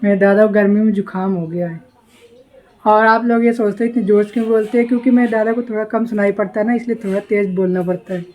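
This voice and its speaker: Chatty young Indian village vlogger, mellow voice. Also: male voice, sits high, fairly even intonation, quick pace, low-quality recording. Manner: chatty, explains village life to viewers. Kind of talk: casual vlog narration to camera. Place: village home, garden and roadside.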